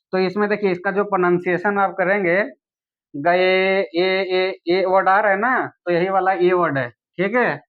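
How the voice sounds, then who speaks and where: A man teaching an English grammar lesson, asking the viewer questions and saying English examples slowly. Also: high voice, narrow, tinny audio.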